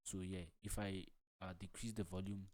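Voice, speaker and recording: A man with a low-sitting voice, little pitch movement and a moderate pace gives an informal music production software tutorial, and the recording is very noisy. He explains casually and loosely, repeating himself and filling his talk with "like" and "man".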